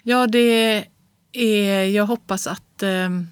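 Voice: medium pitch, steady tone, smooth, no room sound, studio quality, close to an everyday voice. A reader voicing a hesitant, anxious professor. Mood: uneasy. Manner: hesitant, halting speech. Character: anxious male professor, middle-aged husband. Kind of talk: audiobook reading of classic prose.

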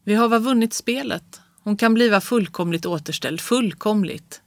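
A reader voicing a brisk, assured doctor. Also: mid-range voice, no room sound, studio quality, lightly acted. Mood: reassuring. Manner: brisk, reassuring. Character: confident male doctor, brisk and reassuring. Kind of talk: audiobook reading of classic prose.

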